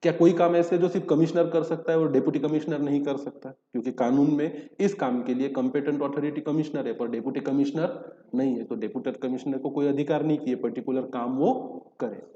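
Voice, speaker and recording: With a medium-pitched, warm voice, fairly even intonation and a slightly fast pace, a man lectures by putting questions to himself about terms and answering them. He reads English legal text between passages in Hindi, recorded in a dull, echoey hall.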